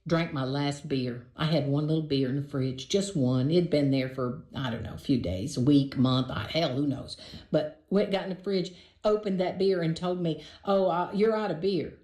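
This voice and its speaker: A woman's voice: low voice, normal speed, mellow. A woman casually telling a long personal dating story, chatty and exasperated, often restarting her sentences. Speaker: storyteller sharing a dating experience. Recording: roomy echo.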